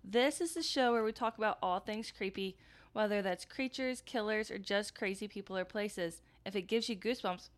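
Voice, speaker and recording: A woman's voice: mid-range voice, moderate pace. A woman hosting a podcast in casual, playful chat, giggling and joking with her co-host.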